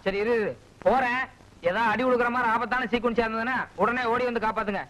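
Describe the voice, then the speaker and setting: A man's voice: very high-pitched, steady tone, fast, bright, forceful tone, lo-fi sound. An actor playing a sly young man who fakes tearful wailing over a lost sister, in a 1980s film comedy. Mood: scheming. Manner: wailing and sobbing.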